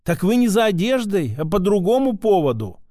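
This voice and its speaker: A man voicing a fussy, fawning middle-aged male shopkeeper who talks in quick obsequious patter, in an audiobook. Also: high voice, sing-song, warm tone, no echo, clean studio sound.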